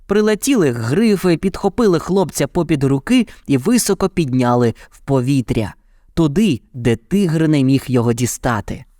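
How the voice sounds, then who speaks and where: A man narrating a children's fairy tale in an even, dramatic storytelling manner. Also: mid-range voice, moderate pace, no room sound, clean studio sound.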